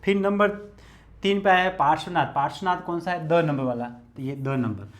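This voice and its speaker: A man's voice: fairly high pitch, normal speed. A male Hindi lecturer teaching an exam-prep lesson, explaining each step methodically and repeating it while he writes.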